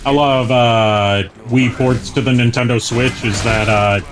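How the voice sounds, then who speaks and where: A man giving casual, rambling gameplay commentary as a streamer, often pausing mid-thought. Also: mid-range voice, steady tone. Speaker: video game streamer. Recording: game music behind the voice. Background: video game music.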